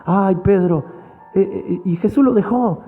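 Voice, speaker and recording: A man's voice: high-pitched, a little slow, faint music behind. A man preaching a fervent sermon, repeating his points and calling out straight to his listeners. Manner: fervent, repetitive direct address to listeners. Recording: tinny phone-like sound.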